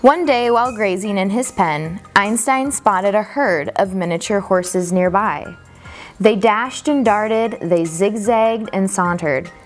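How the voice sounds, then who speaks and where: Soft music plays behind a woman with a medium-pitched voice as she reads a children's picture book aloud like a storyteller. Her reading is expressive and deliberate, and she draws out key words for emphasis.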